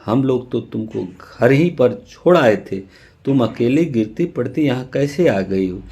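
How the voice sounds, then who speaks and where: A frightened young boy pleads and asks tearful questions in an audio storybook, as a male narrator puts him on. The voice stays low and gravelly, with a dark, mellow tone. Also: measured pace, highs cut off. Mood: bewildered.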